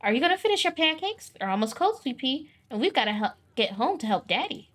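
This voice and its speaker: A woman voicing a gentle young mother quietly hushing her child. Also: high voice, sing-song, brisk, full character voice.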